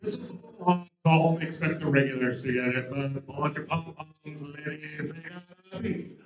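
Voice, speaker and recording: A man calling bingo numbers with playful, punning lead-ins, slowly repeating each number digit by digit. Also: fairly high pitch, steady tone, a crowd in the background. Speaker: bingo caller. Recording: roomy, dull lo-fi sound.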